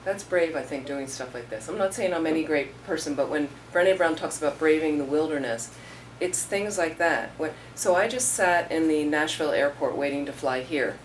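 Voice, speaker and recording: A middle-aged woman whose voice sits low speaks at a moderate pace with few pauses, giving a casual Buddhist talk as a teacher. She tells stories conversationally, acting out what people said, and the distant mic picks up faint room noise.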